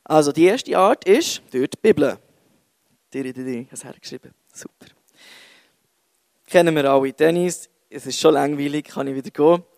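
A man's voice: on the high side, normal speed, gravelly, a little mellow, no room sound. A young man with a Swiss German accent giving a casual, self-mocking sermon full of jokey asides. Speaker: youth preacher.

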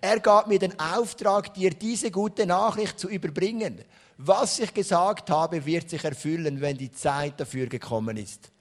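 A man with a Swiss German accent voicing a solemn male archangel messenger who proclaims slowly and loudly. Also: high-pitched. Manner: slow, loud, formal proclamation.

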